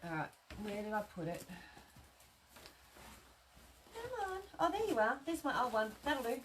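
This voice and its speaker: Here a woman with a craft shop runs a home sewing demonstration livestreamed via tablet, chatting away, muttering as she stitches, and answering comments from viewers. Her voice is on the high side with huge pitch swings, and she talks a little fast. There is a noisy background.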